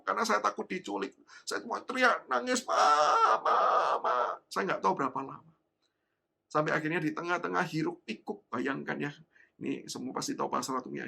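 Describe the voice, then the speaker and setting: A man preaching a sermon, telling a personal story in an animated way and acting out voices with big leaps in pitch. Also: gravelly. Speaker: pastor. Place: church service.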